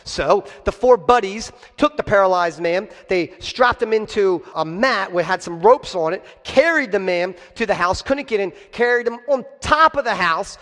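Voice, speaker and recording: A man's voice: high-pitched, normal speed, hardly any pauses. A male pastor preaching a sermon, telling stories animatedly and asking the congregation rhetorical questions. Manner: animated storytelling. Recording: long hall reverb.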